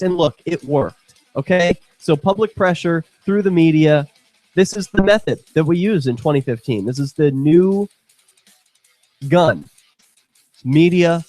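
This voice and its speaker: A male radio host in full rant, swearing freely and jabbing with sarcasm. His voice sits a little high for a man. The sound is dry with no room around it. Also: darkish tone, no echo. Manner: profane, heated and sarcastic. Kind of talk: casual talk radio rant.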